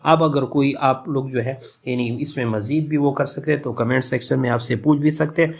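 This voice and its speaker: Gravelly-voiced male English lecturer. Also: mid-range voice, fairly even intonation. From Jammu and Kashmir, India. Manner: explains slowly, often repeating and reading example words aloud with stress; mixes Hindustani with English terms, frequent filler 'yaani'. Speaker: college professor of English. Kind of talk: recorded literature lecture.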